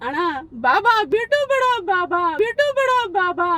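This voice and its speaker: A woman's voice: very high-pitched, big pitch swings, normal speed, sharp tone. A woman crying and desperately pleading over and over as the target of a prank in a car. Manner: desperate pleading, repeating the same plea. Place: inside a car.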